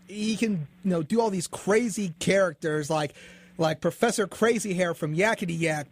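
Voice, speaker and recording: A man hosting a fan interview show, his voice pitched high for a man. He talks in an eager, excitable way, piling on stories and asides. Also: slightly rough. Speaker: interview host.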